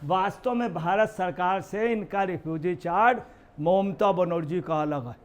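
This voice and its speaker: Male commentator, high voice, emphatic rhetorical delivery, mocking tone. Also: unhurried. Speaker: political news commentator. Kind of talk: heated political commentary.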